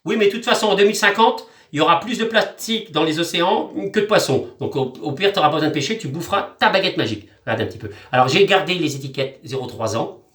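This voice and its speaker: A man's voice: on the high side, lively intonation, fast, fairly bright tone, roomy sound, recorded from a distance. A man chatting in a rambling, joking home video, with crude asides and chanted nonsense magic words. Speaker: video host.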